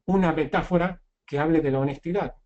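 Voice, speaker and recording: A man's voice: a little high, a little fast, a little mellow, dull audio. A man giving a spoken lesson on sales technique. He explains step by step, restarts his phrases often and keeps checking in with the listener. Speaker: sales trainer.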